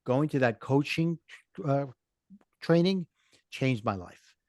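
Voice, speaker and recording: A man's voice: mid-range voice, expressive, slow, a little mellow, dry recording, clean studio sound. A middle-aged man with a Brooklyn accent, speaking as an interview guest in an earnest, explanatory way. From Brooklyn, New York. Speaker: podcast guest, life coach and author. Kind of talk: conversational interview, personal storytelling.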